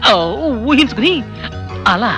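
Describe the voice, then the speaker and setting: A man's voice: extremely high pitch, expressive, unhurried, over music. An actor playing a cheeky young man who teases and pesters a woman doctor in a comedy film scene. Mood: teasing. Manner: playful, teasing, mock-pleading.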